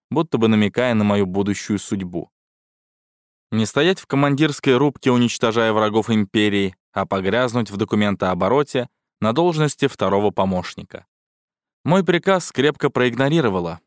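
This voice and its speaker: A man with a fairly low voice narrates a first-person science fiction audiobook from a script, in a wry, sardonic tone. The studio-quality recording has no room sound at all.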